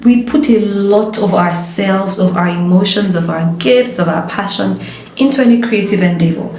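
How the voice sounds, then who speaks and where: A woman's voice: mid-range voice, normal speed, a little mellow, a little hiss or hum. A woman, a lawyer and voice-over artist, giving emphatic, passionate advice in a casual conversation. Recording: roomy echo.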